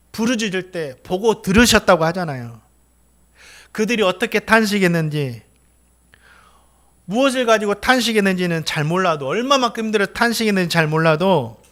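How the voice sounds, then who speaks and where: A middle-aged man preaching a sermon as pastor, asking his congregation questions and swinging from hushed, quiet talk to loud, impassioned appeals. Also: sits high. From Korea.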